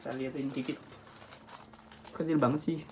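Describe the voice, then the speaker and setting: A man's voice: mid-range voice, steady tone, moderate pace, a little hiss or hum. Casual man explaining Japanese script. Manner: informal, rambling, with frequent restarts and self-corrections. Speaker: Japanese language tutor. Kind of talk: casual home-made lesson.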